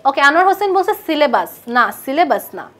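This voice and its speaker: Lady teacher doing a live english class, high voice, keeps quizzing and repeating stuff. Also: sing-song, fairly bright tone. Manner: questions students and repeats answers; reads English test sentences slowly. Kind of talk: live online lesson.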